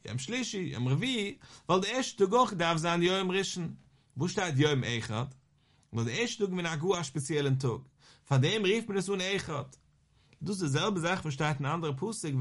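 A man giving a Talmud lesson, reading the source aloud and explaining it line by line, slowing into a sing-song when he quotes a verse. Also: fairly high pitch, a bit bright. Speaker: Talmud teacher.

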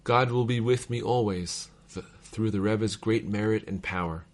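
A man reading old letters aloud in a measured, formal cadence, as a reader of devotional texts. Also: lowish voice.

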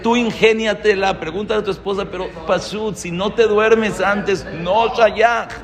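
Animated high-voiced man preaching in a hall. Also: measured pace. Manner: animated storytelling, acting out quotes, laughing. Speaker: rabbi giving a holiday talk. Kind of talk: lively sermon to a live audience.

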